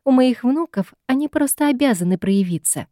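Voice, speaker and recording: A meddling, fond ghost mother from a fantasy audiobook, gushing in a lifted, theatrical voice, put on by a woman reading. The tone stays mellow and soft-edged. It is recorded dry and close, with no room around it. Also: sits high, animated, normal speed, no room sound, pitched above the performer's own voice. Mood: tender.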